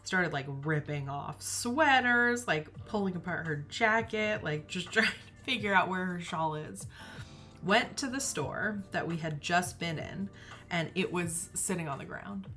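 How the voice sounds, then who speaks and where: Low-voiced, unhurried chatty young woman. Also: lively intonation, sharp tone, faint music behind. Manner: chatty, giggly, lots of "like" fillers. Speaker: knitting livestream host. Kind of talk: casual storytelling chat.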